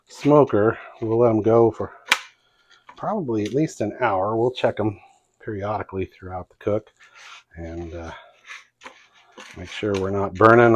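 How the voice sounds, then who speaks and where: A man's voice: on the low side, darkish tone, highs cut off. A man with a Midwestern accent casually showing how he cooks in his home kitchen, talking in a folksy, hesitant way with lots of fillers. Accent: Midwestern American. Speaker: cooking channel host. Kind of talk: casual cooking demonstration.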